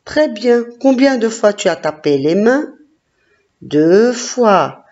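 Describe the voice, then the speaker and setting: Slow, encouraging woman teacher. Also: on the high side, sing-song, darkish tone. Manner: slow, encouraging, sounding out syllables. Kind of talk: classroom phonics lesson. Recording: dull lo-fi recording.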